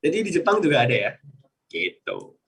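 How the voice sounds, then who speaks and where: A man's voice: mid-range voice, huge pitch swings, a little fast, gravelly, fairly bright tone, husky. A man mentoring a Japanese language class, answering questions in a chatty way with many fillers and demonstrating Japanese intonation. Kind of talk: online class Q&A, casual explaining.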